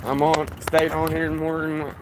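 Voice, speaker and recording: A man's voice: on the high side, completely flat delivery, normal speed, noisy background. A man vlogging outdoors on a hot day, sweating and talking in a casual, repetitive ramble full of restarts. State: sweating in the heat. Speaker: vlogger filming police in his town.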